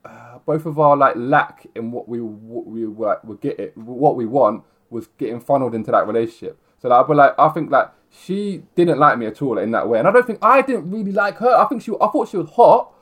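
A man's voice: mid-range voice, expressive, brisk, few pauses. A man in his twenties with a London roadman accent, chatting casually in heavy slang and often rambling and cutting himself off. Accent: London roadman, multicultural London slang. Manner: slangy, rambling, self-interrupting. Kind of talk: casual chat.

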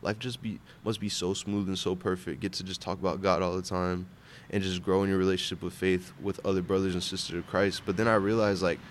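A young barber sits on a park bench outdoors, talking casually and earnestly about his faith in slangy, bro-heavy phrasing. His voice sits low and flat, a little fast, with urban vehicle noise around him.

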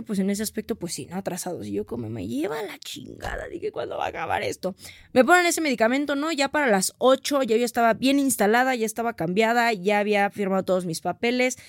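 A woman's voice: on the high side, fast talker, dry recording, clean studio sound. Profane, chatty Mexican woman storyteller. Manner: frank and profane, chatty with many fillers. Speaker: vlogger. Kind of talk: candid personal storytelling.

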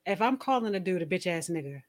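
A young woman co-hosting a casual chat, blunt, laughing often and mimicking soft coaxing voices. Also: fairly low pitch, expressive, quick pace. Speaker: podcast co-host.

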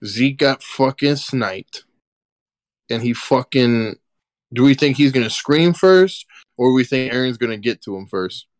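Easygoing mid-pitched man, casual swearing. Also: unhurried. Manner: relaxed, casual swearing, questioning. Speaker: podcast co-host. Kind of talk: casual anime discussion.

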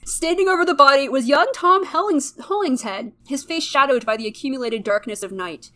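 Young woman, high voice, mock-dramatic reading of an old story, laughing. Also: fairly quick, fairly bright tone.

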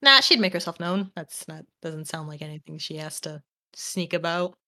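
A woman's voice: low-pitched, normal speed, pushed and bright. A woman playing a tabletop game, chatting casually about her character. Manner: casual, laughing often. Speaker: player. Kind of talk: casual tabletop play chat.

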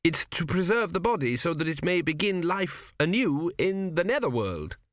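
A fretful, querulous king who has just died, pitched up high and full of restless lilt, as a man puts him on. He grumbles and frets in a dry, close-sounding read. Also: sing-song, moderate pace, fairly bright tone, dry recording. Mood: puzzled, doubtful. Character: fretful newly dead male king, indignant.

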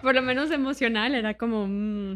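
A woman, a musician who is a guest on a podcast, talking in a relaxed, easygoing way. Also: a little high, fairly quick. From Colombia. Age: 30s. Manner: relaxed and easygoing, with frequent soft affirmations. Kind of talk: casual interview chat.

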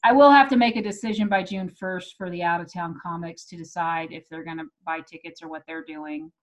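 A woman's voice: lowish voice, fairly even intonation, brisk. A woman from Texas with an American accent, chatting casually and hesitantly as she thinks aloud. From Texas, United States. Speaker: comedian and comedy show producer. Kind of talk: casual chat.

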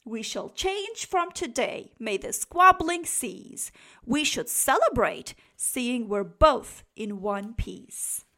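Greedy little boy squirrel yelling, high and loud, put on by a lady reading a storybook. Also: animated, takes it slowly, exaggerated voice. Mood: cheerful. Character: greedy male squirrel, fussy hoarder.

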